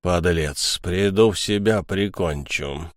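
A man voicing a haughty male ship captain who speaks coldly and flatly, his voice sunk low and weak. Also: takes it slowly, no room sound, studio quality, full character voice. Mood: drained. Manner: cold, drained, flat.

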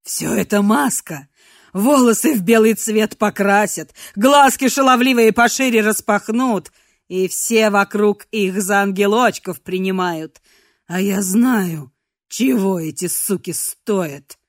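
A woman's voice: medium pitch, slow, no echo, clean studio sound. A woman doing a raging brute of a man. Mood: bitter. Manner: shouting, spitting abuse. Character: hulking cruel man, volatile, childish inside.

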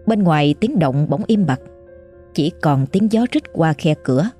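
A woman tells a ghost story in a measured, suspenseful way, her voice low, dark and husky. Faint music runs underneath the narration. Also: lively intonation.

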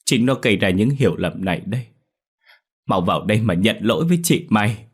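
A man voicing a distraught middle-aged mother who scolds in a shrill, urgent voice. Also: expressive, fairly quick, slightly rough.

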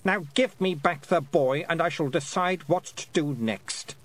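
A man's voice: on the high side, measured pace, pitched above the performer's own voice. Man voicing a sweetly menacing fairy queen. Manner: pleasant, cold and threatening.

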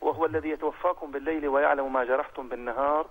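A man calling in to a program over a phone line, asking questions in a halting way with many fillers and reciting verses. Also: fairly high pitch, fairly even intonation. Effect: heard over a phone line. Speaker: caller.

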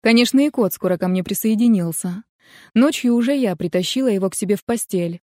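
Brief: woman narrator, first-person audiobook, wry and lively, dry close sound. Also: medium pitch, a little fast, no echo.

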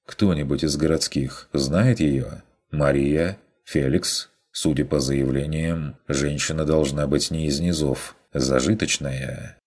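A man voicing a stern male inquisitor who questions in a measured, coldly commanding way. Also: very deep voice, fairly even intonation, a little mellow, heavily acted. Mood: cool. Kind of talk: audiobook character voice.

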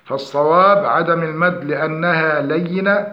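High-voiced man teaching recitation, echoey room. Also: lo-fi sound. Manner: explains errors then demonstrates slow drawn-out recitation. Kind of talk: tajweed lesson.

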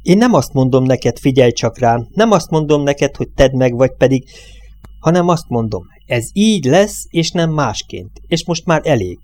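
A man's voice: mid-range voice, very animated, darkish tone, lightly acted. A man voicing a domineering, coarse truck driver in an audiobook reading, pressing his nervous partner hard. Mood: bossy.

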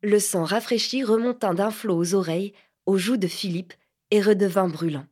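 A woman reads a literary audiobook aloud at a measured pace. Her narration is steady and expressive, and her voice sits at an ordinary pitch for a woman. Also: breathy edge.

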